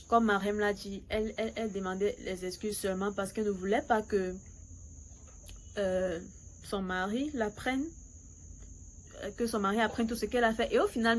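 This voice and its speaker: A woman's voice: medium pitch, slight background noise. A woman vlogger, speaking French as an in a casual, chatty opinion style, sometimes hesitant and switching into English. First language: not French; fluent in English. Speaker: YouTube series reviewer.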